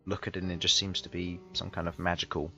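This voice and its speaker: A man running a tabletop game as game master, describing scenes slowly with many fillers and pauses. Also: low-pitched, flat delivery, bright, forceful tone. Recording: dull lo-fi mic, faint music behind.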